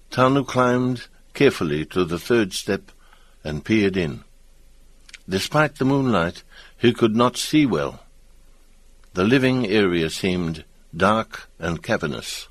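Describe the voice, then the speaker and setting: A man narrates a storybook in a measured, low voice and at a slow pace. The recording is dry and close, with no room sound. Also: dry recording.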